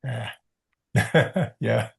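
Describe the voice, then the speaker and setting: A man facilitating an online group, offering soft murmured acknowledgments. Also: medium pitch, drawn-out words, creaky. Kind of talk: listening and affirming.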